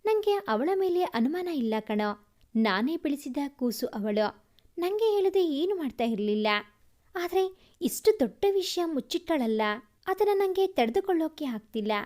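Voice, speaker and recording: A woman's voice: high-pitched, dark tone. A woman voicing an emotional young man who reproaches his sister in a storybook tale. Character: young man, hurt and angry elder brother.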